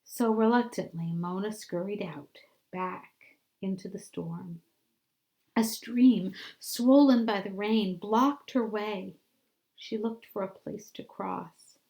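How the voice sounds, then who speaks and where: In poor-quality audio, a woman with a medium-pitched voice reads a children's story like a teacher would, with dramatic, measured phrasing that slips into quiet, hushed moments.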